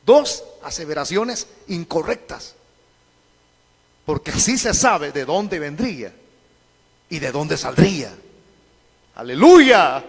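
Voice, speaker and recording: High-voiced preacher in a reverberant hall. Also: male voice, expressive, slow, creaky, pauses often. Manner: preaching, swinging between quiet talk and shouted climaxes. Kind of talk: sermon. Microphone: handheld microphone.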